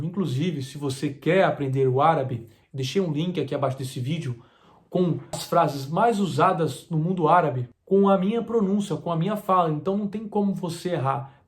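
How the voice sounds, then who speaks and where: A man speaks in a fairly high register. He talks casually to camera as a language teacher, keen and lively, often turning to the viewer with rhetorical questions. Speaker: language teacher and video creator.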